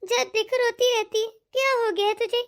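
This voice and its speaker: A woman voicing a worried aging mother in a cartoon, gentle and coaxing. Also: extremely high pitch, fairly even intonation, moderate pace. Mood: soothing. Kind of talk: cartoon dialogue.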